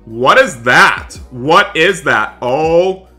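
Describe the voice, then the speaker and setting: Speaking extremely slowly yet animatedly, a young gaming creator with a sharp, higher-pitched voice adds dramatic roleplay commentary over game footage indoors. He's emphatic and keeps repeating his exclamations for viewers while music plays.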